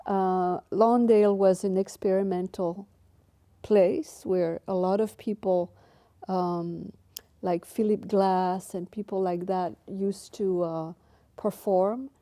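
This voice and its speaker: An older woman from Mexico who grew up in Belgium, recalling her past as an interviewee in an unhurried, halting way with many fillers and restarts. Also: medium pitch, fairly even intonation, mellow. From Mexico, raised in Belgium. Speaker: interviewee, painter. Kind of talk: interview recollection.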